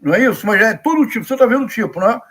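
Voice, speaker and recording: A man's voice: high voice, lively intonation, racing, a bit bright. A middle-aged man with a Rio de Janeiro Brazilian accent gives live political commentary in an emphatic, didactic way, leaning on repetition and rhetorical questions. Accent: Rio de Janeiro Brazilian Portuguese.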